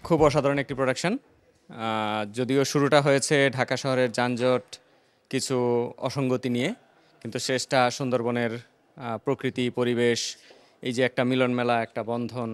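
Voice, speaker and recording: A man's voice: mid-range voice, fairly even intonation, normal speed, long pauses, clean tone, no echo. A man giving an informal vox-pop reaction as an audience member.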